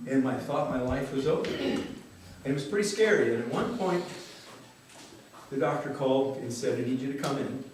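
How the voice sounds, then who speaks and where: A man's voice: medium pitch, lively intonation, normal speed, recorded from a distance, background noise. Older man telling his story, echoey hall. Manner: candid, earnest, wry, swears for emphasis. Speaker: dentist telling a personal story. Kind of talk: story-slam talk to a live audience. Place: large hall with a live audience.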